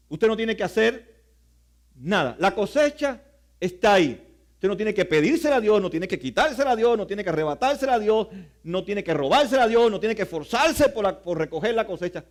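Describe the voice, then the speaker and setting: A middle-aged man preaching a sermon as pastor, earnest, with quiet asides. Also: high voice.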